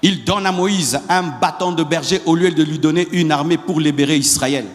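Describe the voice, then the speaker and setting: A male pastor delivering a sermon, repeating phrases and building up to shouted exhortations to the congregation. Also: fairly high pitch, normal speed, in a large hall, slight background noise. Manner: repetitive, rising to shouted exhortations.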